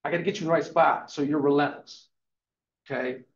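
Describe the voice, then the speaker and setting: A man's voice: a little high, steady tone, fairly quick. A man in his fifties giving an emphatic, motivational real estate lecture to a live class, punctuating points with "okay". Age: 50s. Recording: echoey room, dull lo-fi sound.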